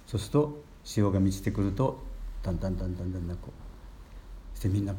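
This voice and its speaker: Older priest preaching in a low voice. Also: male voice, fast talker, slight background noise. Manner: gentle storytelling preacher, rising emphasis on key words. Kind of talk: sermon.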